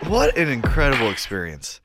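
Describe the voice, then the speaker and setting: A man from Kansas City co-hosting a casual podcast in a hoarse voice that is nearly gone, talking emphatically, repeating himself and swearing freely. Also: medium pitch, wildly swooping pitch, fairly quick, music in the background. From Kansas City, United States. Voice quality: hoarse, strained voice close to giving out. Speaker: podcast co-host.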